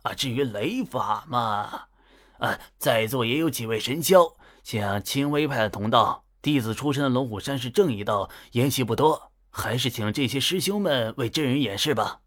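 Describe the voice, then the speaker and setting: A man's voice: medium pitch, expressive, normal speed, fairly bright tone. A man voicing a humble, earnest old male Taoist priest who speaks deferentially and pleads.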